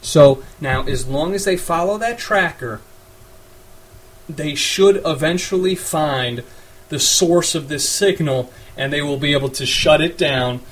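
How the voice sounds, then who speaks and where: Frazzled post-apocalyptic radio host, played by a man, rambling and flustered, a bit high-voiced. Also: unhurried, a bit bright, slightly rough, low-quality recording. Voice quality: rambling, flustered, stumbling over words. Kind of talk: comedic audio drama.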